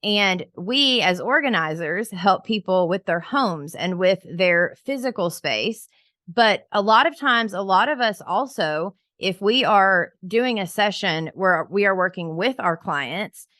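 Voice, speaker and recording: Low-voiced chatty woman podcast host. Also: pushed and bright, no room sound, studio quality. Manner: upbeat, chatty, many "like" fillers. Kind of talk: casual podcast chat.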